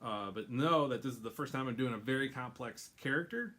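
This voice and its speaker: A male host chatting in a casual, rambling way at a middle pitch, often breaking into laughter. His talk wanders between topics before getting back on track. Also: expressive, brisk, bright, forceful tone. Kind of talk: casual chat.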